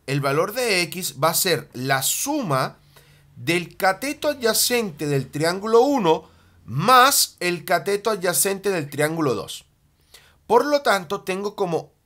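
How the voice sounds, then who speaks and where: A man teaching a math lesson at a board, animated, often checking in with a quick "ok?" and slowing down on key terms as he writes. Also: high voice. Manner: slows down and stretches key terms while writing.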